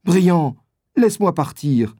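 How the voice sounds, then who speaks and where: A man's voice: fairly high pitch, expressive, takes it slowly, dark tone, no echo, clean studio sound, voice pushed up. A man voicing a young boy who is determined and tearful with guilt, in a storybook reading. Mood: insistent. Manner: tearful, insistent.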